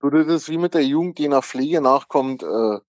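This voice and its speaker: A man's voice: mid-range voice, a little fast, darkish tone, dry recording. A man telling a rambling story in casual talk, adding "ne?" and "äh" as he goes. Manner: rambling, many "äh" and "ne?". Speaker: podcast co-host, care worker.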